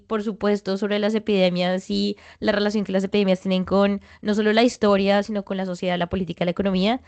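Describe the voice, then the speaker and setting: A woman's voice: medium pitch, clear, resonant tone. A young woman hosting an academic interview podcast, speaking conversationally with frequent fillers.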